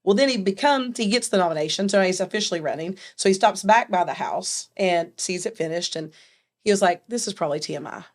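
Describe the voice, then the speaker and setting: A woman telling a story as a guest, lively and quick with her asides. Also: mid-range voice. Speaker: nonprofit founder, guest. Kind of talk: animated storytelling.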